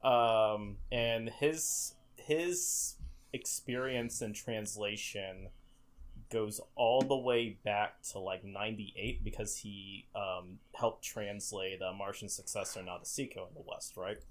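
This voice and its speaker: Lowish-voiced man, halting and informal. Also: fairly even intonation. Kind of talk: casual discussion.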